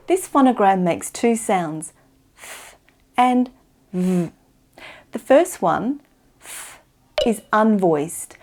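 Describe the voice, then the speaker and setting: An Australian woman giving an instructional pronunciation lesson, enunciating slowly and carefully for language learners. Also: mid-range voice, darkish tone. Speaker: English pronunciation teacher.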